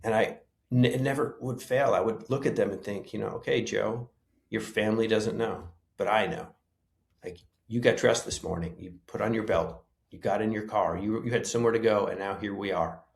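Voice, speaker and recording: A man's voice: lowish voice, steady tone, moderate pace, gravelly. A man, a former paramedic, thoughtfully telling stories from his career in an interview, often restarting with "you know". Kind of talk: reflective storytelling in an interview. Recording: roomy echo.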